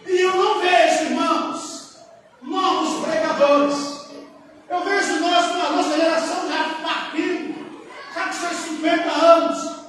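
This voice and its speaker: A man in his fifties preaching a fervent sermon, swinging between shouted calls and quiet asides. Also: very high voice, fairly even intonation, a little slow. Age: 50s. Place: large church hall. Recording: echoey hall from far off, faint noise.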